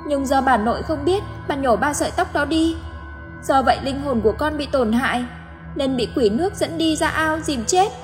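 A woman's voice: high voice, moderate pace, in a large hall, over music, voice pushed up, natural voice. A woman voicing the ghost of a drowned young boy, speaking in a tearful, stammering lament. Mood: tearful wailing.

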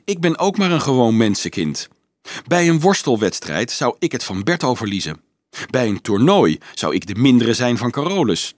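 A man's voice: mid-range voice, sing-song, moderate pace, dry recording, clean studio sound, natural voice. A man voicing a proud, strong young hero who answers his accusers in a firm, defiant way.

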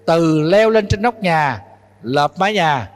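A man's voice: fairly high pitch, expressive, slow pace, big-room sound. A male Buddhist monk giving a dharma talk to young followers, scolding and urging them on with rhetorical questions.

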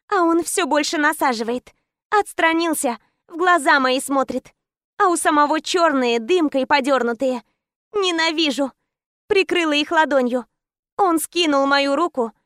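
A woman's voice: high-pitched, a bit bright, no echo, studio quality. A woman narrating a first-person romance audiobook in intense, clipped short phrases.

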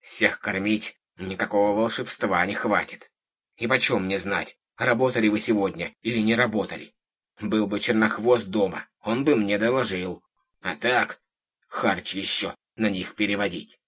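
A man voicing a gruff, bossy old witch woman who talks hoarsely and grumbles, in a storybook reading. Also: on the low side, normal speed, a bit bright. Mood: scolding. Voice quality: hoarse, cawing like a crow. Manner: domineering, grumbling.

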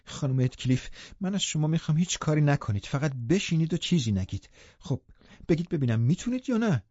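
A man voicing a bitter, vengeful young man in an audiobook, talking loud and threatening. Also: medium pitch, breathy edge, no room sound, natural voice. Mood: raging. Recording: muffled lo-fi recording.

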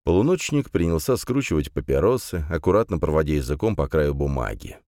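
A man reading a novel aloud as narrator in a measured storytelling manner. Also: a bass voice, sing-song, a little mellow, no room sound, clean studio sound. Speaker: audiobook narrator. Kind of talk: scripted narration.

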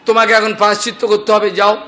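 A man's voice: high-pitched, flat delivery, quick pace, bright, forceful tone, faint music behind. A man voicing a stern old male sage who scolds and moralizes at his son in a told legend. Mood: scolding. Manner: reproachful, moralizing.

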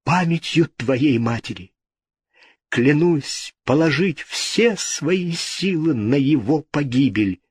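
A man's voice: fairly high pitch, lively intonation, slow pace, breathy edge, dry recording, studio quality, pitched above the performer's own voice, full character voice. A man voicing a stern, grieving old father, an astrologer, who speaks firmly and solemnly in a storybook reading. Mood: solemn vow. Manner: firm, solemn.

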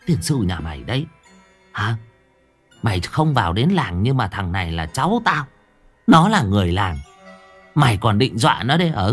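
A man's voice: on the low side, very animated, moderate pace, pauses often, soft background music. A man voicing a fierce old village grandmother who scolds sharply. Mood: scolding. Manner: scolding, gruff.

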